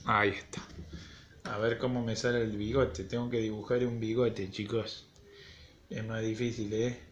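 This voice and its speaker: Standing at a board, a male primary school teacher takes young children through their letters in a phonics lesson, checking in with them in a patient, playful way. His voice is lowish and level at a normal speed, with slight background noise.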